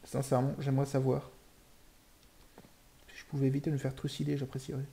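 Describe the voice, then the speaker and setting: A young man commentating a live Minecraft game, joking and swearing, shouting in panic and then muttering to himself. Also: mid-range voice, monotone, fast, creaky, slight background noise. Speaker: gaming streamer.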